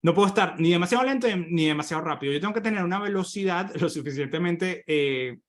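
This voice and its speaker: A man from Venezuela teaching an online workshop on presentation skills, explaining points and often tagging sentences with quick questions to his audience. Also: sits high. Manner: explanatory, with many rhetorical tag questions. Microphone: computer microphone on a video call.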